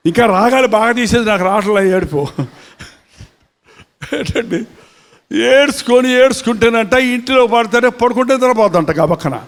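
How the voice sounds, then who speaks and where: A man preaches a sermon in a dramatic, emphatic style. His voice is fairly high for a man, and he keeps asking his listeners rhetorical questions. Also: moderate pace, long pauses. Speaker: pastor.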